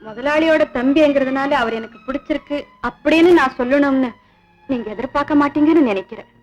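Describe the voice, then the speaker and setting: A woman's voice: high voice, brisk, highs cut off, soft background music, natural voice. An actress playing a frank, spirited young woman in a 1960s film drama, given to tearful, pleading outbursts. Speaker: lead actress in a film scene.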